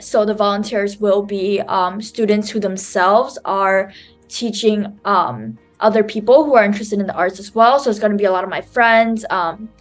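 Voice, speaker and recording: A woman student raised in New York gives an online conference talk over a video call. She speaks at an ordinary middle pitch in a loose, chatty way, filling her sentences with "um" and "like". Soft music sits faintly behind her. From New York City, USA. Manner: chatty, full of "um" and "like" fillers.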